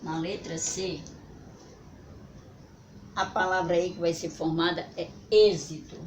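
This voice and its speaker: Lady teacher going slow for little kids, breaks words into syllables, kinda low voice, echoey room w/ noise in the back. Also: steady tone. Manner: drawn-out syllable-by-syllable pronunciation, frequent "certo?" and "né?" check-ins. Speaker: primary school teacher. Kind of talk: slow, deliberate spelling lesson for children.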